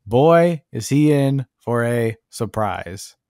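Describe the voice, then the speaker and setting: A man's voice: expressive, takes it slowly, darkish tone, no echo, studio quality. Jokey man chatting on a podcast. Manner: jokey, breaks into high mocking voices. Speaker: podcast co-host. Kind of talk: casual chat.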